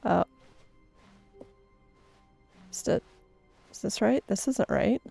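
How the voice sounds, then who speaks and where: A woman with a noticeably creaky voice comments casually as she plays a game. Her remarks are short, offhand and playful, with music audible behind her. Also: medium pitch, takes it slowly, warm tone. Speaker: game streamer.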